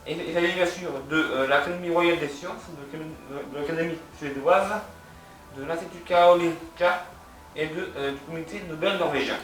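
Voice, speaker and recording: A man hosting a culture video, giving a hesitant spoken lecture from his notes with a French accent and many pauses and restarts. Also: a little high, fairly bright tone, recorded from a distance. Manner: many hesitations and restarts, reads out web addresses. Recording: very echoey room, voice from off-mic, faint music.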